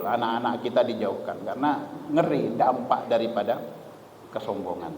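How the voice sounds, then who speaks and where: A male Islamic preacher giving a sermon with lively, humorous storytelling and emphatic rises. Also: medium pitch. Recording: echoey hall, faint ambient noise.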